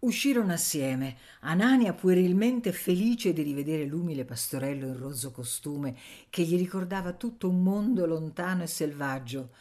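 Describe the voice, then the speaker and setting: Low-pitched female narrator, measured audiobook reading. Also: animated, mellow. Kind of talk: scripted narration.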